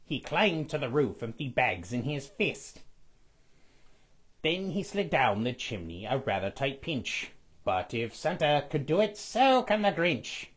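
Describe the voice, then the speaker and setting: At a medium pitch, a man plays a scheming skeletal villain lord reading a storybook aloud in a raspy, sniffly voice. His delivery is sing-song, and he stretches out repeated words.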